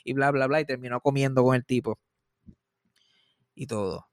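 A man's voice: medium pitch, normal speed, dry recording, clean studio sound. A man with a Puerto Rican accent hosting a podcast, telling a story in casual, rambling chat full of swearing and restarts. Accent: Puerto Rican Spanish. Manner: rambling and profane, with frequent restarts. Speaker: podcast host.

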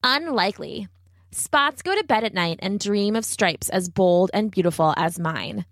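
A woman's voice: mid-range voice, lively intonation, moderate pace, dry recording, natural voice. A proud female zebra snorts her dismissals, as a woman acts her out. Her voice sits in a middle register and is recorded dry and close. She sounds like a storybook creature who looks down on her rivals. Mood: haughty.

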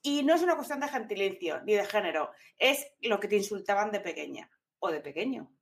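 A woman's voice: mid-range voice, very animated, fairly quick, a little hiss or hum. A woman in casual chat, blunt and outspoken, swearing freely and talking over the others.

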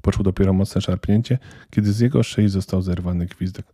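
Gravelly, dark-voiced male storyteller. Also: sits low, steady tone, a little fast, no echo, studio quality. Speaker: audiobook narrator. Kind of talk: storybook reading.

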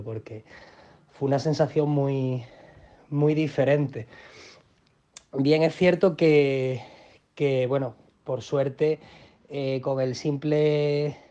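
A man's voice: medium pitch, mellow. Hesitant man on a dull lo-fi recording. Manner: hesitant, halting, with restarts. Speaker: guest. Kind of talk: personal storytelling.

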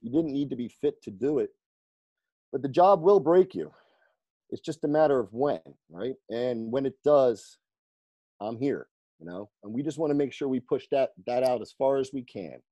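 A man who coaches firefighters on fitness, telling stories in an interview, lively and laughing often as he acts out the people he quotes. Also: mid-range voice, moderate pace, no room sound. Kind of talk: storytelling in a conversational interview.

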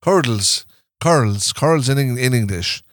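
A man's voice: medium pitch, expressive, fast talker, no room sound, clean studio sound. An Irish man co-hosting a podcast in casual comedic chat, laughing often and putting on a mock newsreader voice. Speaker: podcast co-host.

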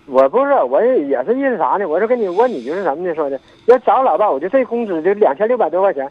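Halting older man on a muffled phone line. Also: high-pitched, very animated. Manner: halting, repeats himself. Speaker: caller. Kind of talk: phone-in call.

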